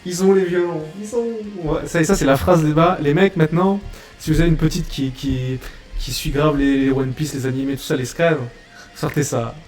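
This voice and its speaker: A man hosting a reaction video, chatting casually in excitable, slangy banter and repeating his own phrases. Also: a little high, normal speed, soft background music.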